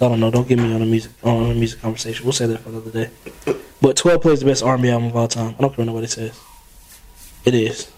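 A man, co-hosting a casual podcast chat and ranting loudly with plenty of profanity. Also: mid-range voice, poor audio. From South Carolina. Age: 30s. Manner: loud, profane, opinionated ranting. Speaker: podcast co-host.

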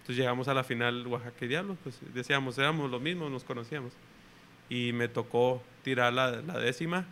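A young man with a Mexican Spanish accent, a pitcher telling a story in relaxed, slangy chat. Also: brisk, slight background noise. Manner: relaxed, slangy, retells his own and coaches' words. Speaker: guest baseball pitcher.

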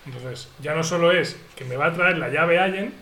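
A man in his thirties chatting casually on a panel, telling funny stories with squeaky acted quotes. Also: normal speed, sharp tone. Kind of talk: casual chat. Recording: echoey room with crowd noise.

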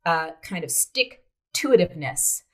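Bright-voiced woman telling a personal story. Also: fairly low pitch, big pitch swings, takes it slowly. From South Dakota, United States. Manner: earnest, reflective, with hesitant fillers.

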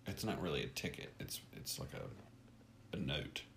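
A man's voice: very deep voice, measured pace, gravelly, slight background noise. A man co-hosting a podcast, talking casually about a book and agreeing often. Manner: agreeable, lively, frequent back-channel affirmations. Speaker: podcast co-host.

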